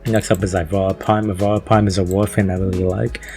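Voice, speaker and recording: A man narrates gameplay in a relaxed, offhand voice-over, his voice sitting a little low. He drifts through fillers and the occasional swear as he goes. Quiet music runs faintly underneath. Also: fast. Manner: laid-back, loose, with frequent fillers and the odd swear. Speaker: gaming video creator. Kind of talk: casual voice-over walkthrough.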